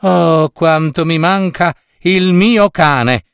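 A man's voice: high-pitched, sing-song, unhurried, no room sound, studio quality, voice pushed up. A man voicing a fussy, anxious baker woman who sighs and frets as she kneads, in a read-aloud storybook. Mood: fretting. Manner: sighing, fretful, pleading.

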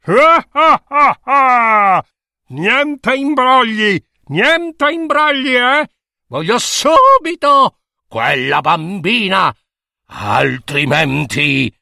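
A man's voice: very high-pitched, sing-song, drawn-out words, gravelly, pushed and bright, no room sound, studio quality, voice pushed up, full character voice. A man doing a blustering hairy monster. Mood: gloating. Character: proud hairy monster, blustering and easily hurt.

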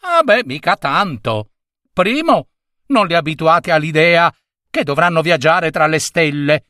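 A bossy little cosmic chick from outer space lectures the humans in a high, bright, jumpy voice, as a man puts it on. It speaks slowly and sharply, full of its own importance. The voice is close and dry. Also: animated, no room sound. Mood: lecturing.

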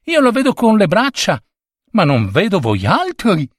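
A man voicing a blind young prince in a fairy tale, crying out high and excited, repeating himself. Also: a little slow, no room sound, clean studio sound, exaggerated voice.

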